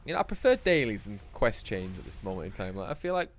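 A man's voice: fairly low pitch, big pitch swings, fast. A young man streaming a game live, chatting to himself and his viewers in a playful, profane way. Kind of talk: live gameplay commentary.

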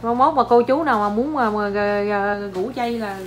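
A woman's voice: fairly high pitch, normal speed. A young woman and mother chatting casually to viewers in a home family vlog. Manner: chatty, addresses viewers as aunts and uncles. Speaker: vlogger and mother.

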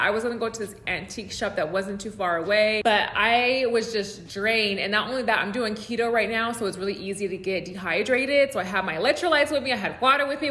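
A home decor vlogger in her thirties with an American accent chats informally to camera from a room in her home, often saying "like" and "you guys." Her medium-pitched voice is a bit bright, and the indoor space gives it a roomy echo.

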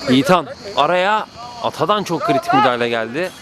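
A man doing live play-by-play football commentary, excitable, with calls that rise to drawn-out screams at goals. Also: over a noisy crowd. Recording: noisy outdoor pitch, background ambience.

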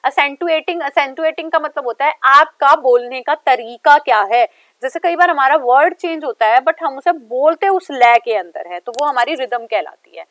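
A woman teacher with an Indian accent, explaining step by step in a lecture that mixes Hindi and English and slowing down whenever she reads English lines aloud. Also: high-pitched, animated, a bit bright, no room sound. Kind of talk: exam-prep lecture mixing Hindi and English.

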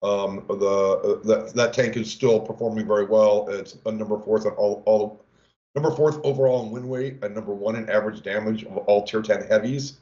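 A man from the game team sharing player stats on a livestream, halting with many fillers. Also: on the low side, steady tone, mellow. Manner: halting, many uhs and restarts. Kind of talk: casual livestream chat. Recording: echoey room, dull lo-fi audio.

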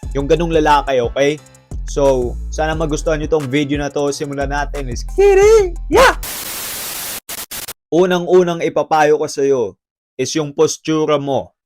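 A man's voice: fairly high pitch, fairly even intonation, moderate pace, darkish tone, faint music behind. A man giving brash, emphatic advice in a preachy bro tone. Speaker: self-help vlogger. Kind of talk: motivational advice talk, mixing Tagalog and English.

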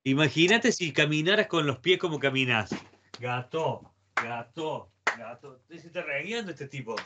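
A man's voice: fairly high pitch, lively intonation, a little fast, pushed and bright, slight background noise. A man with an Argentine accent giving an online guitar lesson over a video call. He coaches the student and chants repeated syllables to count out rhythms. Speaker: guitar teacher. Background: guitar playing.

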